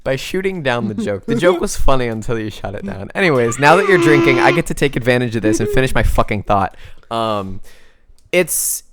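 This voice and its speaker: Man, casual podcast chat, jokey, rambling, very lively pitch. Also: brisk, a little hiss or hum. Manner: rambling, jokey, lots of fillers and restarts. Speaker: podcast co-host.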